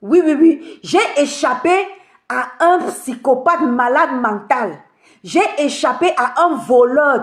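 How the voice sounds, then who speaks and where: A woman's voice: sits high, echoey room. A woman hosting a live stream, making an impassioned, emphatic address to her followers and piling up accusations in repeated lists.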